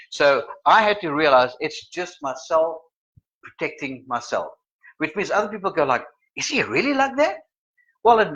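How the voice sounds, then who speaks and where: A middle-aged man, teaching a live-streamed lesson and acting out examples in voices. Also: fairly high pitch. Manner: animated, acts out examples in voices. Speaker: personality trainer. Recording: slightly muffled sound.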